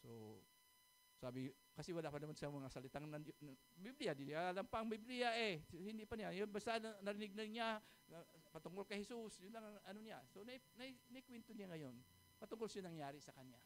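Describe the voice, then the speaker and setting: A man's voice: high voice, animated, brisk, a little hiss or hum. A man preaching a sermon, telling a testimony story and often asking his congregation "amen?" and "di ba?".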